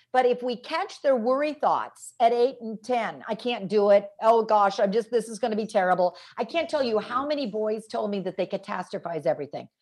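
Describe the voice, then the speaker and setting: A middle-aged woman speaking as an expert guest in an interview, telling stories animatedly and acting out what kids told her. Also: fairly high pitch. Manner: animated storyteller, acts out quoted kids. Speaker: guest expert, educational psychologist. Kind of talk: conversational interview.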